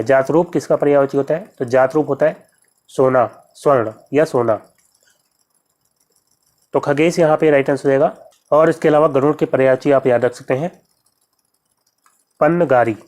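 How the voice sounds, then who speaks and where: A patient teacher talks through a set of practice questions, voice sitting at an ordinary middle pitch. Each question and its choices are read out, then the correct answer is explained step by step, with key terms repeated slowly. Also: a little mellow. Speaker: exam-prep teacher. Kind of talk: exam-prep lesson.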